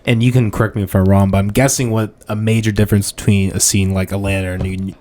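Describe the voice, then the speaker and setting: Male podcast host, lowish voice, hesitant and rambling when he asks questions. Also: level tone, quick pace, dark tone. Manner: hesitant, filler-heavy questions. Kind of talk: casual podcast interview.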